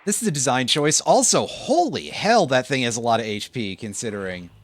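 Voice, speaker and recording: Man, let's play commentator, sarcastic, swears freely, animated pitch, mid-range voice. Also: fast talker, faint music behind. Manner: sarcastic, swears a lot, complaining. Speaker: gaming commentator.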